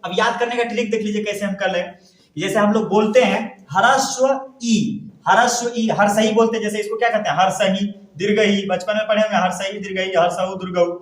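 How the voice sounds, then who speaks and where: A man's voice: high-pitched, fairly even intonation, brisk. A man from Bihar, India, teaching a classroom grammar lesson, often asking a question and then answering it himself. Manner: repetitive, asks questions and answers them himself. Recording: echoey room.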